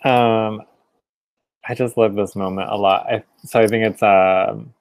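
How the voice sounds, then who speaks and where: Gravelly flat-voiced male player. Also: on the low side, measured pace, dry recording. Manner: cinematic descriptive narration. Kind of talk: tabletop game play.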